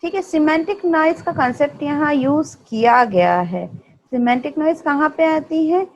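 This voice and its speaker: A woman's voice: high-pitched, expressive, moderate pace, lo-fi sound, slight background noise. A woman with an Indian accent giving an explanatory lecture, mixing in English terms and often checking in with "right?".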